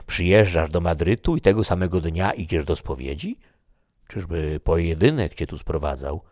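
A man voicing a jovial, talkative young nobleman who is easily moved, in an animated, exclamatory reading. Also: deep voice, moderate pace, no echo, studio quality. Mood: bantering. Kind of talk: audiobook character reading.

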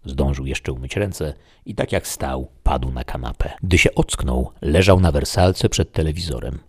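A man narrating a scripted horror story in a steady, dramatic reading. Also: very deep voice, moderate pace, breathy edge, dry recording, clean studio sound.

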